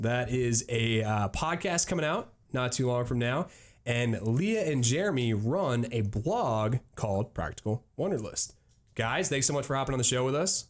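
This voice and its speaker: A man hosting a travel podcast in a casual, upbeat, joking tone. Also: medium pitch. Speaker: podcast host.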